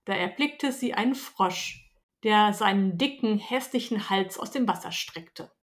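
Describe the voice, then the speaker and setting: A woman co-hosting a story podcast, reading a fairy tale in a calm storytelling manner. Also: mid-range voice, unhurried.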